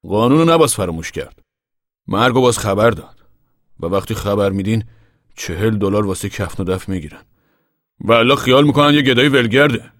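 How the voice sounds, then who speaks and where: A man's voice: fairly low pitch, expressive, a bit bright, no room sound, clean studio sound, pitched above the performer's own voice. A man putting on a proud, earnest farm father. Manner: earnest, dignified, raised voice. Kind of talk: audiobook character voice.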